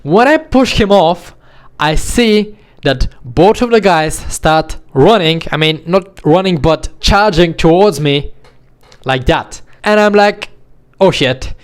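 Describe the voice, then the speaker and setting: Young man telling a story, slightly high voice. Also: slow, smooth. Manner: animated, acts out the scene with quoted voices. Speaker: vlogger. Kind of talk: casual storytelling to camera.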